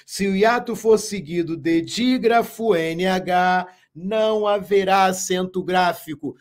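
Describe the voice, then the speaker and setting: Man, grammar teacher, live online class, slightly high pitch, unhurried, repeats himself, asks questions. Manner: slow and emphatic, repeats key words, asks viewers questions. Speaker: Portuguese teacher.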